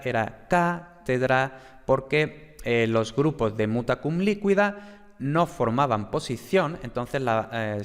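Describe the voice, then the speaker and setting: A man giving a relaxed, chatty lecture on Latin, full of fillers and little tag questions. He slows down to spell out syllables in his examples. His mid-range voice rings with a long reverb. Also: mid-range voice, clean tone. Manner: sounds out syllables slowly for examples. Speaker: Latin teacher. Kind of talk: casual spoken lecture.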